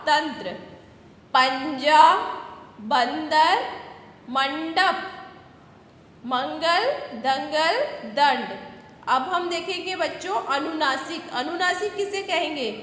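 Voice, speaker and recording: Woman teacher for small children: high, bright voice, slow and patient, echoey room. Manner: patient, repeats words slowly and asks questions to the children. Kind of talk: slow classroom video lesson for young children. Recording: echoey room with long reverb and faint noise.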